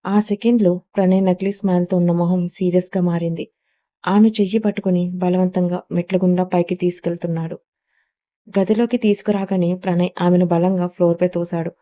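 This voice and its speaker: A woman storyteller reading a dramatic audio story in steady, even scripted narration. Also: on the low side, a little fast.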